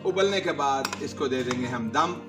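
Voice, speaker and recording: A man in his forties, a cooking vlogger, chats casually with viewers as he cooks over a wood fire in a village yard outdoors, speaking at medium pitch and normal speed. He addresses the audience directly in this relaxed cooking demonstration. A cameraman holds the camera whose built-in mic records him, with background music running under his voice.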